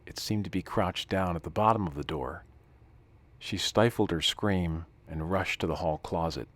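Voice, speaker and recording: A man narrating a scripted story in a calm, steady reading voice that drops to a hush in tense passages. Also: low-pitched, moderate pace.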